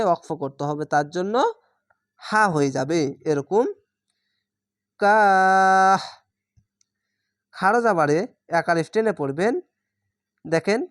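A woman teaching Quran reading from Bangladesh, spelling each syllable slowly, then blending it into the whole word. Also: fairly low pitch, no room sound, studio quality. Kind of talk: slow spelled-out recitation lesson.

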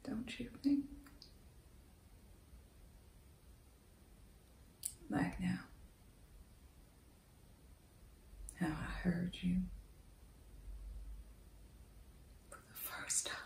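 An actress in her thirties playing a hurt woman leaving her fiancé, in a halting, searching soliloquy that drops toward breathy near-whispers. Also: medium pitch, lively intonation, mellow, a little hiss or hum. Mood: searching, aching. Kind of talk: searching dramatic monologue, soliloquy. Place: small indoor room, plain backdrop. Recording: roomy indoor echo.

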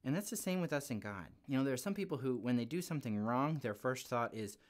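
A man with a mid-range, animated voice talks fast while playing a friendly young puppet kid. He delivers a children's devotional in a chatty, earnest, informal way, saying "like" a lot.

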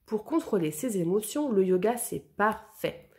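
A woman voicing a calm male friend teaching yoga in a children's storybook. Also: mid-range voice, a little slow, close to an everyday voice. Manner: calm, steady.

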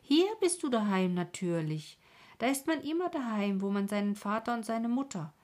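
A cheerful little girl from a bedtime storybook, put on by a woman reading aloud. The voice jumps up high and loud with delight, bright and eager. Her breathy tone stays soft at the edges. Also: sing-song, fairly quick. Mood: insistent.

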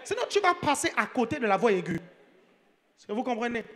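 A man's voice: extremely high pitch, big pitch swings, fairly quick, bright, forceful tone. A man preaching a sermon in church, joking a lot and often asking the congregation whether they follow him. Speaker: pastor.

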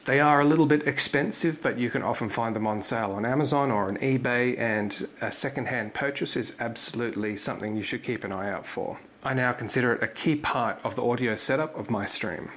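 A man in his thirties talks straight to camera from his home kitchen in a steady, methodical way. His voice sits in an ordinary middle pitch. It is picked up close by a small mic clipped to his apron. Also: brisk, hardly any pauses, slight background noise. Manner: calm, methodical explaining. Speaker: cooking streamer. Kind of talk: scripted talk to camera. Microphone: lavalier clipped to apron.

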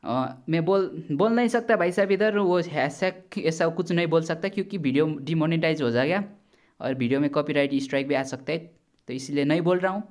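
A man's voice: on the high side, a little fast. A man giving casual gameplay commentary as a gaming YouTuber, chatty and blunt, warning his viewers and swearing now and then. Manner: chatty, repeatedly addresses viewers as brother.

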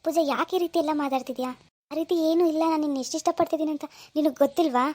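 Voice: high voice, very fast, warm tone, dry recording, lightly acted. A performer playing a young rich man's son who hid his wealth, coaxing and pleading with his fiancée on the phone. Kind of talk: amateur phone-call drama.

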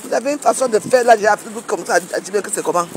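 A woman's voice: mid-range voice, fast, a little hiss or hum. Woman ranting at a rival, outdoors. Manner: combative, scolding with rhetorical questions. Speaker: social media commentator. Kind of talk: casual vlog rant. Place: outdoors, walking at a market.

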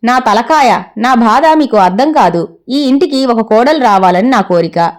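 A woman's voice: a little high, animated, measured pace. A woman voicing a nagging, fretful mother. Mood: scolding. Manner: scolding, complaining. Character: fretful middle-aged mother nagging her son to marry.

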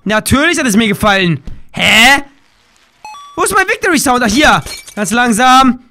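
A man giving excited commentary while playing a game, yelping and shouting at each miss and ranting with casual swearing. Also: very high-pitched, normal speed, a little hiss or hum. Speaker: let's play host.

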